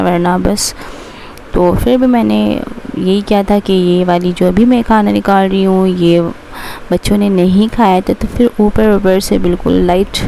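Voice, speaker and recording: A woman's voice: mid-range voice, vocal fry, warm tone, slight background noise. A young woman chatting through her home cooking steps in a casual voice-over, explaining each step as she goes. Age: young adult. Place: home kitchen.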